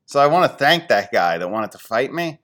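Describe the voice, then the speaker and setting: A man in his forties from the Philadelphia area, hosting a podcast and telling casual, rambling, self-deprecating stories, getting animated when he quotes his friends. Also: mid-range voice, brisk. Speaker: podcast host. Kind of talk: casual storytelling monologue.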